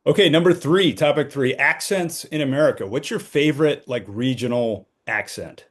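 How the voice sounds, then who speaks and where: A middle-aged man co-hosting a casual podcast, calmly moving through the topics. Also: medium pitch, normal speed. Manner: relaxed, runs the topic list. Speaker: podcast co-host. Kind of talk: casual chat.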